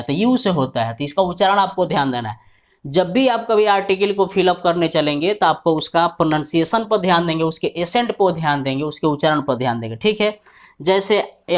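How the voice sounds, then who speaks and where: A man teaching English grammar in a classroom-style lesson. He spells out words letter by letter in front of a writing board and often checks whether his students have understood. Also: high voice.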